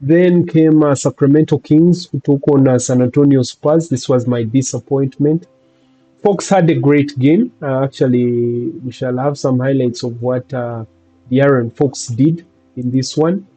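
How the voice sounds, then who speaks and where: A man hosting a fantasy basketball video, recapping games and stats in a halting casual way with many fillers. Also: mid-range voice, mellow, dry recording, faint music behind, low-quality recording. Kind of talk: casual recap over game highlights.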